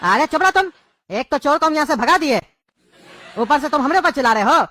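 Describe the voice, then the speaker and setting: A woman's voice: sits high, sharp tone, no room sound, studio quality. A woman, playing an irritable father in a comedy sketch. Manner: fast, irritable.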